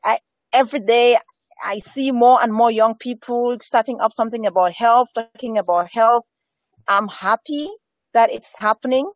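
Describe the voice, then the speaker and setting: A woman's voice: fairly high pitch, normal speed, no echo, poor audio. A woman speaking as a health educator in an earnest interview, repeating key phrases for emphasis. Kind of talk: earnest conversational discussion on health.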